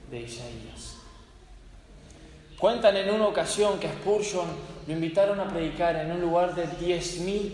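A male preacher delivers a sermon in a high, carrying voice. His storytelling is dramatic, and he leans on slow, emphatic pauses. The recording is roomy with a long hall reverb and a faint hiss behind it. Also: darkish tone. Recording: echoey hall with faint noise.

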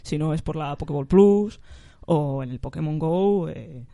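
A man speaks in a gravelly, dark voice that sits a little high. He chats casually and in a relaxed way on a podcast. The sound is dry and close. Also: a little slow, no room sound. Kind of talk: casual chat.

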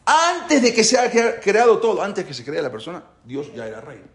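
Animated man teaching a religious class. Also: high-pitched, normal speed. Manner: animated, asks rhetorical questions. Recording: roomy echo.

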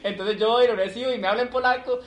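A man with a Costa Rican accent telling a story in rapid, run-on casual chat full of slang. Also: very high-pitched, steady tone, fairly bright tone. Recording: echoey room.

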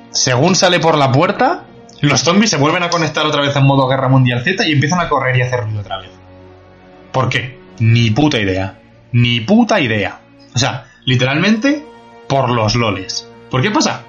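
A man's voice: mid-range voice, a bit bright. A man, a podcast host, ranting angrily and profanely about a TV episode in a slightly dull lo-fi recording with faint music. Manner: angry, profane, incredulous ranting. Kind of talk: ranting TV review.

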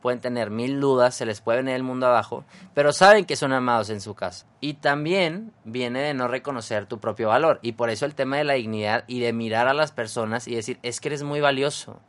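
A man's voice: medium pitch, fairly quick, hardly any pauses. A man with a Mexican accent hosting a podcast, talking casually and animatedly in a motivational monologue, mocking himself and acting out his own inner voice. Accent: Mexican Spanish. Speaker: podcast host.

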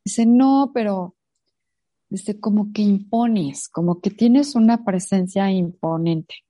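A middle-aged woman, chatting casually as a co-host and telling an animated story, acting out the voices in it. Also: mid-range voice, slow pace, no echo, clean studio sound. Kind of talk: casual chat.

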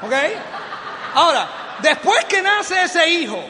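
A middle-aged Puerto Rican man with a strikingly high voice gives a lively motivational talk, joking with the crowd and acting out the voices he quotes. His words ring out with a long hall reverb. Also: slow, a little hiss or hum. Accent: Puerto Rican Spanish. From Puerto Rico. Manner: animated and joking, acting out quoted voices, asking the audience questions. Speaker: motivational business speaker. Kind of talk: motivational speech to a live audience. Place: large hall before an audience.

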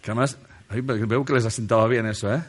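A man's voice: medium pitch, fairly even intonation, quick pace, slightly rough. A man gives a jokey motivational talk from a stage under a spotlight. He speaks straight to a seated audience and asks them questions. He laughs often as he talks.

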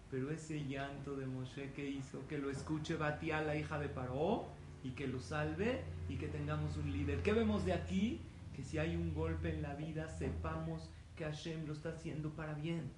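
A man gives a religious lecture in a somewhat high voice. He tells stories with energy and keeps asking his listeners questions. The sound is roomy, with a faint hiss behind him. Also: normal speed. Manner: lively storytelling, asks the audience questions. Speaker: rabbi lecturer. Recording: roomy hall with faint noise.

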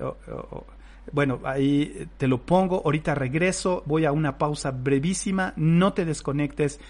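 A man with a Mexican Spanish accent, a pastor teaching a live-streamed Bible lesson, who reads verses aloud and breaks into fervent praise between them. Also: on the high side.

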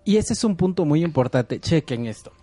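A man co-hosting a psychology talk show, explaining points in a relaxed way with everyday examples. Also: a little high, moderate pace, no echo. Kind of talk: conversational talk-show discussion.

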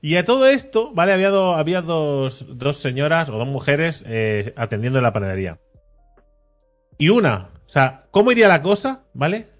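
A young man from telling a lively anecdote in casual chat, mimicking people he met. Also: fairly high pitch, moderate pace, faint music behind. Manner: animated storyteller, mimics voices of people in the queue.

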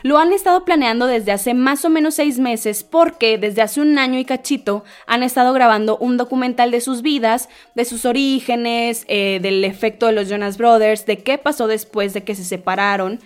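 A young woman in her twenties with a Mexican accent, hosting a vlog in a casual, slangy, animated storytelling style. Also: fairly high pitch, moderate pace, few pauses, clean tone. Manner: animated, slangy, acts out quotes in other voices. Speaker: vlogger host. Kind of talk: casual storytelling and chatty entertainment news.

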